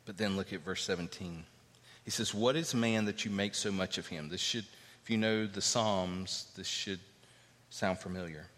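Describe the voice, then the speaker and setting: A man preaching in a church hall, his bright, forceful voice carrying a long reverb tail. He reads scripture passages and then unpacks them, climbing in pitch when he drives a point home. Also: normal speed. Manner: expository preaching, reads scripture aloud, rises in pitch for emphasis. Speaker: pastor. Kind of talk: sermon.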